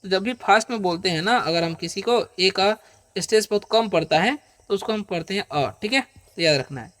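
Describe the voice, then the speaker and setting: High-voiced man teaching English pronunciation. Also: a little fast, a bit bright. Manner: patient, repetitive, often asks and answers his own questions; checks in with listeners with frequent "okay?" and "isn't it?". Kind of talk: Hindi-language pronunciation lesson.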